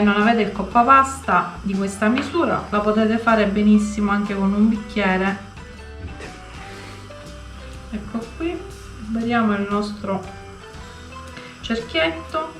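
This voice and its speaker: Female cooking presenter, unhurried step-by-step instruction, roomy sound with music underneath. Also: mid-range voice, fairly bright tone. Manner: instructional, repeats and narrates each hand movement. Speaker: home cooking show host.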